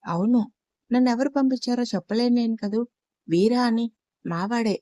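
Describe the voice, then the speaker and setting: A woman's voice: on the high side, normal speed, warm tone, dry recording, close to an everyday voice. A woman voicing a swaggering male thug who threatens and mocks in a storybook reading. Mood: menacing. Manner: mocking, threatening. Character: cocky menacing male thug, swaggering henchman.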